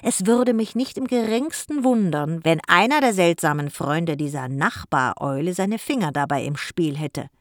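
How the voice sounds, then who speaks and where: Fussy businessman uncle, grumpy and bossy, raised and loud, put on by the audiobook reader, dry close recording. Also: medium pitch, expressive, brisk, no echo. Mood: scolding.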